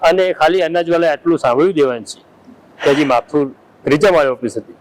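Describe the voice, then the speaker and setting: A male journalist telling humorous anecdotes on a panel, mimicking the shouts of the people in them. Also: fairly high pitch, fast talker, low-quality recording. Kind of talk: casual panel storytelling.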